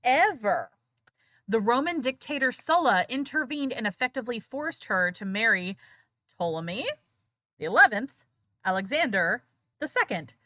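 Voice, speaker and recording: A woman's voice: fairly high pitch, animated, moderate pace, pushed and bright, no room sound, clean studio sound. A woman co-hosting a history podcast, narrating with sarcastic, indignant asides. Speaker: podcast co-host. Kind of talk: casual history podcast chat.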